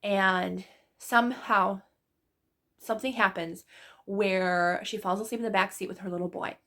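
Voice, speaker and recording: A woman book vlogger talks through her favorite reads in a loose, gushing way, with lots of "like" and "literally" along the way. Her voice sits at an ordinary middle pitch and has a noticeable gravelly fry. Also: steady tone, a little slow, bright, forceful tone. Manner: chatty and gushing, with frequent fillers like "like" and "literally". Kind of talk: casual book review chat.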